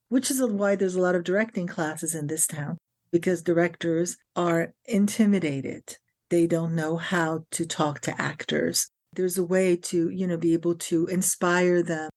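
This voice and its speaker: A French woman with a lowish, slightly mellow voice appears as a podcast interview guest; she is an acting teacher and film director. She speaks articulately and emphatically, stringing together long lists of phrases.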